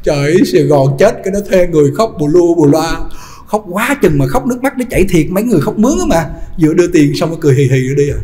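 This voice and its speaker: A man, a Buddhist monk preaching a sermon in a lively storytelling manner with frequent repetition. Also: a little high, rapid-fire. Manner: lively storytelling, repetitive, laughs at own jokes. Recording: long hall reverb.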